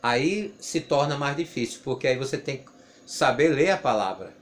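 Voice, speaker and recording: Over slight background noise, a Brazilian Portuguese-accented man explains English grammar to a class at normal speed. His mid-range voice has lively intonation, and he patiently goes over points again while asking rhetorical questions.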